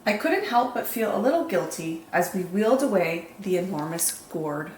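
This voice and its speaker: With a lowish voice, a woman hosting children's storytime reads picture books aloud, deliberate and full of expression, lingering on words for dramatic emphasis. It's recorded in an echoey space with faint background noise.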